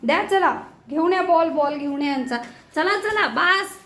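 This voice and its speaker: High-voiced woman fondly scolding her pets. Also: animated, moderate pace, fairly bright tone, echoey room. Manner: fond exasperated scolding in baby talk. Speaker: pet owner filming her cats. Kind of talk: casual home video chatter to pets. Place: home kitchen.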